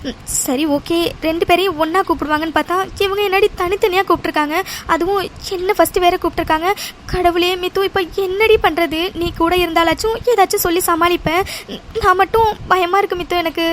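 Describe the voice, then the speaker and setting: A woman's voice: extremely high pitch, steady tone, a little fast, a little hiss or hum. Woman voicing a timid, anxious young office worker. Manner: anxious, pleading. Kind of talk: cartoon serial dialogue.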